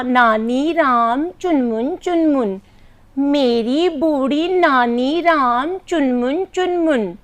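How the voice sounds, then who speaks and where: A woman voicing a small trapped female sparrow in a slow sing-song chant, in a story told to children. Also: high-pitched.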